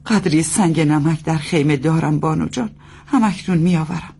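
A woman's voice: low voice, vocal fry, warm tone, breathy edge, full character voice. A woman playing a worried mother nursing her feverish son, who speaks in a pleading, formal way. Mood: eager.

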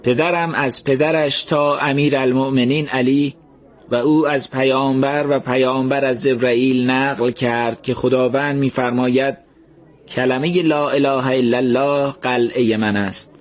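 A calm young man from a storybook speaks with measured reverence. A man acts him out. His voice sits at an ordinary middle pitch, a touch above the narrator's. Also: lightly acted. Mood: reverent. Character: calm young man recounting sacred words.

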